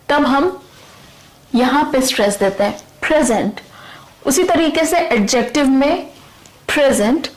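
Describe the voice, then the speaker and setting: A woman teaching English vocabulary in Hindi, reading example sentences slowly and carefully. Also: high-pitched, poor audio.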